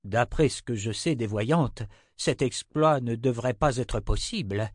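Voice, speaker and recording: An old, worldly sorcerer in a fantasy audiobook, voiced by a male reader, dropping wry asides as he reasons things out. Slow, measured delivery on a dry, close mic. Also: mid-range voice, no room sound, lightly acted. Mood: puzzled.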